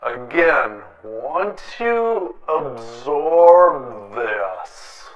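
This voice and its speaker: A man's voice: mid-range voice, sing-song, very slow. Blunt, defiant man on a lo-fi broadcast. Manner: blunt, defiant, repeats himself for emphasis. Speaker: host of an opinion show on local public access. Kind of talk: opinionated monologue to camera.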